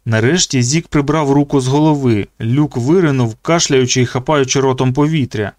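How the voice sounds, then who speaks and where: A man reading a novel aloud as a narrator, in a steady, measured storytelling voice. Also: medium pitch, no echo. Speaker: audiobook narrator. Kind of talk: scripted narration.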